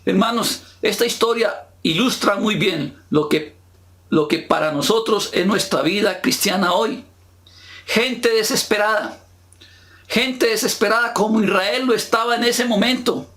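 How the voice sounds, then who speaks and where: Slow, high-voiced preaching pastor. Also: male voice, fairly bright tone. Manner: slow, emphatic preaching with rhetorical questions to the congregation. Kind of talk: sermon.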